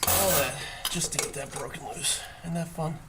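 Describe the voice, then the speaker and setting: A man's voice: on the high side, normal speed. A man working on his car outdoors in the cold, talking dryly and cursing when a part fights him. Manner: dry, laid-back, curses under strain. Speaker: channel host doing car work. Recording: loud noise, outdoor camera audio.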